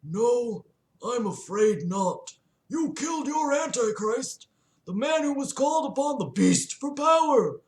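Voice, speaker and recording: A woman's voice: a little high, animated, unhurried, a little mellow, pitched above the performer's own voice. Scornful male archangel leader, put on by a woman reading aloud. Lofty and mocking, in a roomy space. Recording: roomy echo.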